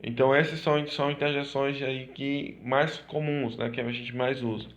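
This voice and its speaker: Male teacher, mid-pitched, explains step by step and keeps checking the listener follows. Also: fairly even intonation, normal speed. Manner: repetitive, checks in with "certo?" and "tá?". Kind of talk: explaining grammar lesson.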